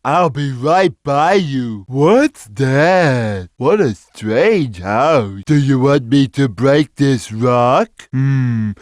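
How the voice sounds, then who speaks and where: A man voicing a big, gentle, slow-witted cat in a video game, with a simple, childlike, drawn-out delivery. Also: mid-range voice, no room sound, clean studio sound. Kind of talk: video game character voice lines.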